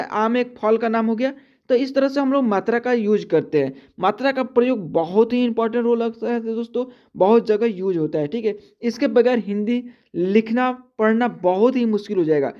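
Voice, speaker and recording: A man teaching the alphabet slowly and patiently, checking in with the class after almost every line. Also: sits high, darkish tone. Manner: repeats "theek hai" constantly, patient step-by-step teaching. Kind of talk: slow classroom explanation. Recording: dull lo-fi sound.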